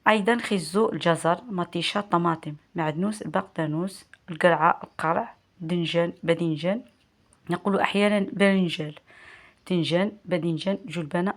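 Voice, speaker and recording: A woman with a Moroccan accent teaching vocabulary, reading out word lists slowly and clearly and repeating each word beside its standard equivalent. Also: lowish voice. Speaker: language teacher.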